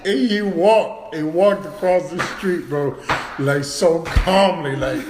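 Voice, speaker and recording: A man's voice: a little high, takes it slowly. A man telling a story in casual chat among friends, laid-back and slangy, switching into Spanish now and then. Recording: echoey room with clear noise.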